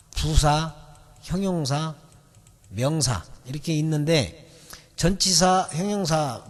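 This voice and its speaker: A man's voice: on the high side, a little mellow. A man teaching in a recorded video lecture, explaining patiently and repeating and stretching out key words. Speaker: English memory-method teacher. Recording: long reverb of a hall.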